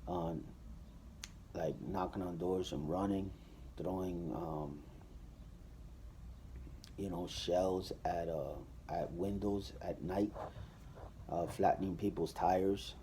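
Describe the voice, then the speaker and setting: A man's voice: sits low, fairly even intonation, slow pace, pauses often, dark tone, slight background noise. A man giving a personal testimony in a casual, conversational way, with plenty of fillers and restarts.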